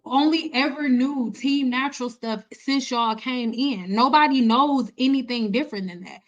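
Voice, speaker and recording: On a live stream, a hair care educator in her thirties lectures her audience in a high voice, pressing her points hard and saying key phrases over and over. The recording has its highs cut off.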